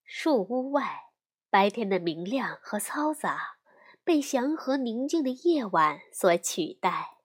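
一位女性用缓慢而富有表现力的语气朗读儿童故事。. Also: female voice, a little high, husky. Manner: slow, expressive storytelling. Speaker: storyteller. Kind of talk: children's audiobook narration.

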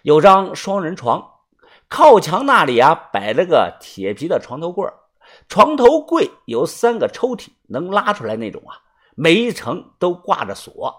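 Male audiobook narrator, first person, husky, lively pitch, chatty. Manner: chatty, relaxed, drawn-out filler syllables.

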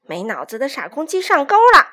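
A woman's voice: high-pitched, huge pitch swings, a little fast, sharp tone, heavily acted. A woman voicing a sneering, boastful male weasel who taunts chickens in a storybook reading. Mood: taunting. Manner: taunting, mocking.

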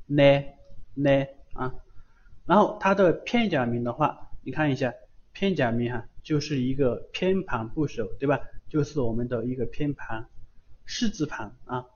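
A man's voice: medium pitch, lo-fi sound. A man teaching kana pronunciation in an online lesson, drilling each syllable over and over with patient repetition. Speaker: Japanese language teacher.

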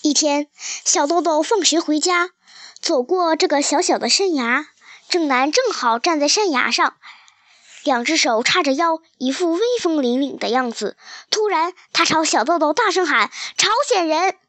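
High-voiced woman reading a storybook. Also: normal speed, fairly bright tone, no echo. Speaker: narrator.

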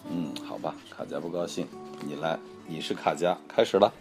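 A woman's voice: a bass voice, normal speed, a little mellow. A woman reading a children's story aloud at home, patient and coaxing, prompting with questions. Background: faint music.

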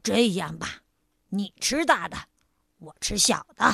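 A woman's voice: mid-range voice, expressive, unhurried, gravelly, fairly bright tone, slightly rough, dry recording, clean studio sound, voice pushed down, heavily acted. A woman voicing a big, strong male tiger in a children's storybook reading, with a drawling, smug put-on voice. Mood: coaxing.

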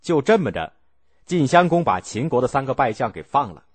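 Guy reading an old war story out loud, husky voice, pitch all over the place, acts out the shouting bits. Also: brisk. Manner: animated storytelling, acting out characters' shouts and stammers. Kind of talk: scripted narration of a historical story.

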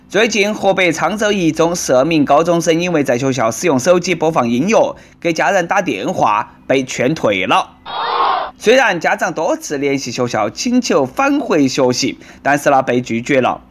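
A man with a Nanchong Sichuanese accent, delivering comic news commentary in a sarcastic, bantering way. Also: on the high side.

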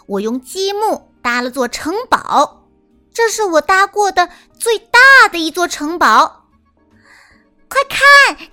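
A woman telling a children's story as a small timid mouse, in a sweet, expressive, sing-song manner. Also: very high-pitched.

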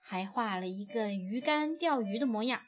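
A woman reading a children's picture book aloud in an expressive storytelling manner. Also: a little high, moderate pace, faint music behind.

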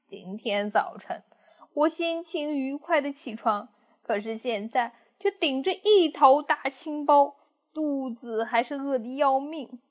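A woman's voice: sits high, muffled recording, pitched above the performer's own voice. A woman voicing a boastful, hungry and hapless male grey wolf who groans and brags. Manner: groaning and sneezing, bragging.

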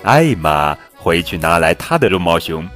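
A man reading a children's picture book aloud in a slow, expressive storytelling voice. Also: low-pitched. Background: soft background music.

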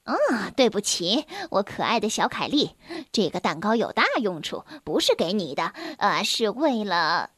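This is a kindly male rooster from a children's storybook, as a woman voices him. He speaks low, soft and gentle. The sound is dry and close. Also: sing-song, a little slow, few pauses, husky, dry recording, exaggerated voice.

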